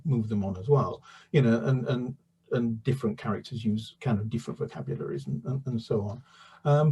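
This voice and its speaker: This husky, mid-range male voice belongs to a children's author from the United Kingdom. He discusses his books haltingly, restarting often and using many fillers, then settles into steady narration as he reads a chapter aloud.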